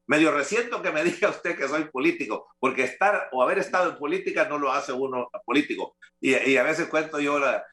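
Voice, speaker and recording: A man's voice: mid-range voice, a bit bright, echoey room. A man, a guest speaking hesitantly with many fillers in an interview. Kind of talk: remote interview commentary.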